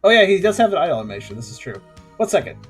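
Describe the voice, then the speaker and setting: A man's voice: high-pitched, sing-song, very fast, breathy edge. A man hosting a gaming video with casual let's-play commentary and wry, joking asides. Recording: light game music behind.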